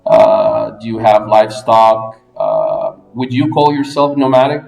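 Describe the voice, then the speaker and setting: A man from the United States hosting an interview, asking questions in clear, explanatory steps. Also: lowish voice, animated, a little slow, a little mellow. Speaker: interviewer, English language fellow. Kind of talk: podcast interview. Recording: echoey room, music underneath.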